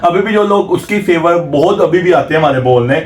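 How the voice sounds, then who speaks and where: A man's voice: fairly high pitch, lively intonation, brisk, slight background noise. A man hosting a family vlog, chatting casually and teasing the others as he prompts them to speak. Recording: roomy home recording.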